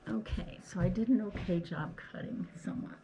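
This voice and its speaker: A woman's voice: mid-range voice, a little fast, lo-fi sound. A woman speaking through a face mask, giving a casual hands-on craft demonstration and talking along as she works. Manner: homely, talks along while working, often checks with "okay". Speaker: craft tutorial host. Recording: clearly noisy, clicks of handling.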